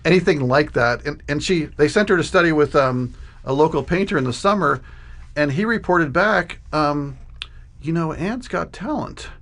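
A man's voice: on the high side, moderate pace, a bit bright. A man in his sixties speaking casually as an interview guest, sharing recollections. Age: 60s.

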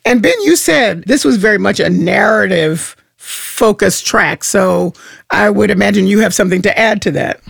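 A woman's voice: medium pitch, normal speed, creaky, husky, no echo, clean studio sound. A woman interviewing guests in a conversational, questioning manner. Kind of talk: broadcast interview.

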